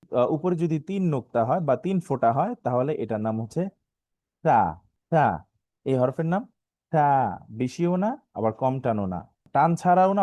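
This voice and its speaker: A man's voice: medium pitch, warm tone, no echo. A man teaching an online live lesson on Arabic letter sounds, with a Bangladeshi Bengali accent, patiently drilling syllables and having learners repeat them. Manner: stretches out some sounds, half singing.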